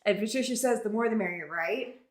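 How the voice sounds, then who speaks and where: A woman's voice: medium pitch, a little fast. A woman chatting casually to viewers as a livestream host, in a garage studio with an empty-warehouse echo. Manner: chatty, addresses viewers directly. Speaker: livestream host of a quilting channel. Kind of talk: casual live-stream chat. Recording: echoey garage, warehouse-like room sound.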